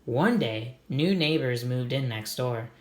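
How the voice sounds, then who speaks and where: A man's voice: medium pitch, expressive, slow pace, echoey room. A man reading a children's storybook aloud, adding simple, encouraging comments for young listeners. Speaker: read-aloud host for children.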